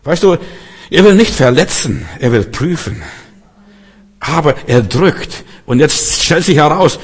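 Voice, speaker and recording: A man's voice: medium pitch, husky, in a large hall. A man preaching a sermon to his congregation, emphatic and fond of rhetorical questions, acting out quoted voices.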